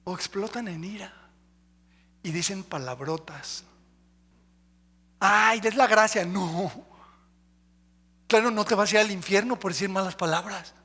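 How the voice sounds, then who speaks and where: High-voiced pastor preaching. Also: male voice, pushed and bright, long reverb tail. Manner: emphatic preaching, lists, asks the congregation questions. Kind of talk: sermon. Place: church sanctuary.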